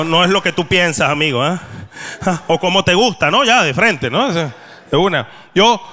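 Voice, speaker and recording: A young man with a Venezuelan accent tells his stand-up stories with a dry, deadpan touch, his voice sitting high and sounding bright and sharp. The room behind him rings with a long hall reverb. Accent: Venezuelan Spanish. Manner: deadpan storytelling, acts out quoted voices. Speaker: stand-up comedian. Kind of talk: stand-up comedy set.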